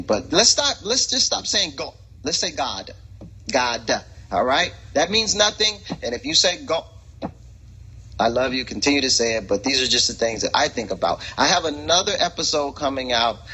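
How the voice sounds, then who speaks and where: A man hosting a casual talk show, rambling and preachy with lots of fillers, in a husky voice. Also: medium pitch, sharp tone, poor audio. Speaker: podcast host and preacher. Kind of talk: casual chat.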